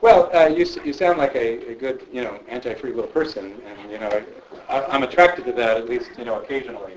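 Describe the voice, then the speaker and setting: A man, a philosopher, answering audience questions in a thoughtful, conversational way, often checking in with a quick "right?". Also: mid-range voice, rough recording. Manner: thoughtful, frequent "right?" tags. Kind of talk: conversational public Q&A.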